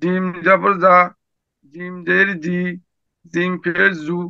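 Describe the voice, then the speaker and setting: A man recites syllables in a slow, flat sing-song, one letter at a time. His high voice is bright and a little gravelly. It comes through a dry, muffled online call. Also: no echo. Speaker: student. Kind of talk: reciting Arabic letter drills.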